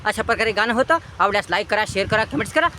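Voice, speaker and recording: A man with an unusually high voice speaks plainly and directly to his viewers as he signs off. He is outdoors, and faint traffic hums behind him. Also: animated, rapid-fire. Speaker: singer-songwriter presenting his own song. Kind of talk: casual sign-off to viewers.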